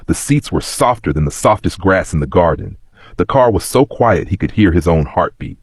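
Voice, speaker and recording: A man narrating a scripted story in a measured, expressive way. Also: low-pitched, husky, no echo, clean studio sound.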